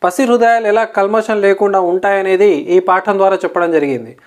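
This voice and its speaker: A woman with a Telugu accent, a teacher who explains English words slowly, spells them out letter by letter and keeps checking that the class follows. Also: mid-range voice, darkish tone. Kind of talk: recorded vocabulary lesson.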